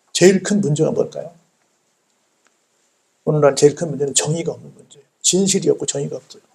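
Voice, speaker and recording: Pastor, male, gravelly and somewhat high, sermon delivery, answers his own rhetorical questions. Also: darkish tone. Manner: asks rhetorical questions and answers them himself; repeats phrases for emphasis. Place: church sanctuary.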